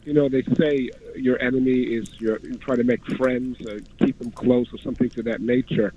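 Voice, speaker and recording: A man calling in to a radio show by phone, telling a personal account in a halting, hesitant way. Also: mid-range voice, fairly even intonation. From Queens, New York. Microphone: telephone. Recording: dull, band-limited phone line.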